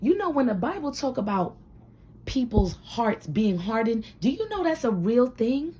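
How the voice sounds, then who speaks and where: Her voice sits on the high side, dark in tone, with big pitch swings and a moderate pace, yet scratchy and husky like a smoker's. Talking directly to camera in a home room with a door, this life-advice vlogger delivers blunt, preachy, fiery motivation.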